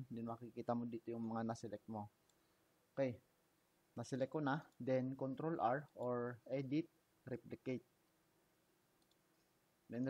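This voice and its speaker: A man with a Filipino accent narrating a screen-recorded engineering software tutorial step by step. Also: mid-range voice, rough recording. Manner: steady step-by-step narration of clicks, mixing Tagalog and English. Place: indoors at a computer, voice-over of screen capture.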